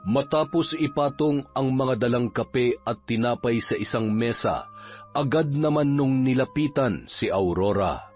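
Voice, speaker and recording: A man giving steady, measured narration for a scripted horror story. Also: medium pitch. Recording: slightly dull recording with music underneath.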